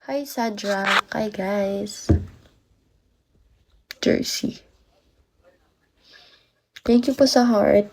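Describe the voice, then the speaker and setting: A woman's voice: medium pitch, extremely slow, pauses often, dark tone. A nineteen-year-old woman from the Philippines chatting on a livestream while tired and sick with a cold, greeting viewers and thanking them one by one. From Philippines, from Baguio. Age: 19, late teens. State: has a cold, tired and achy. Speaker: livestreamer, college student.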